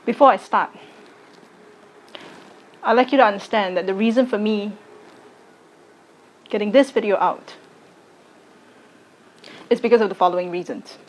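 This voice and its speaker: Measured woman in her twenties. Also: mid-range voice, poor audio. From Singapore. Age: late 20s. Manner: slow, deliberate, measured delivery. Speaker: arts educator and content creator. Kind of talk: recorded personal statement to camera.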